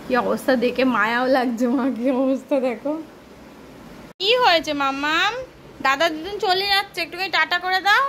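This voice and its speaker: A woman's voice: high voice, fairly quick, pushed and bright, slight background noise. A young woman from Kolkata with a Kolkata Bengali accent, talking casually and soothingly to her baby at home. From Kolkata, West Bengal, India. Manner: coaxing, soothing, repetitive talk to her baby. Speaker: vlogger and mother. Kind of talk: casual home vlog talk. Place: family home.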